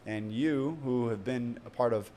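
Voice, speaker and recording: A man's voice: mid-range voice, measured pace, warm tone, a little hiss or hum. A man hosting a podcast in a casual, enthusiastic, chatty way. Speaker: podcast host. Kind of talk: casual conversational interview.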